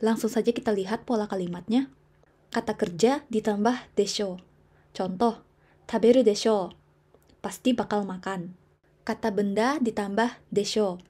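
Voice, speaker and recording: A woman teaching a casual language lesson, slowing down to say model sentences carefully between quicker explanations. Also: mid-range voice, mellow.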